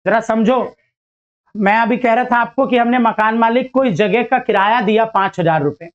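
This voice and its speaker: A man's voice: very high voice, normal speed, muffled recording. A male teacher giving a casual lecture to students, chatty and playful, acting out little dialogues as he explains.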